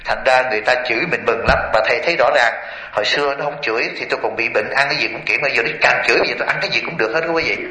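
A man's voice: mid-range voice, very fast, pushed and bright. A Buddhist monk gives a sermon to a lay audience. He keeps quizzing his listeners with rhetorical questions and often chuckles as he tells stories. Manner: chuckles often while storytelling. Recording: echoey hall.

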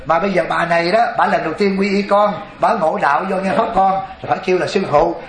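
A man voicing a calm, wise male teacher, explaining patiently. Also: high-pitched, fast talker, reverberant.

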